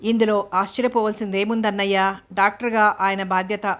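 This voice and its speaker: A meek, gentle young wife who speaks softly, voiced by a woman reading the tale. Her pitch is mid and steady, with a level, even delivery. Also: a little fast, lightly acted.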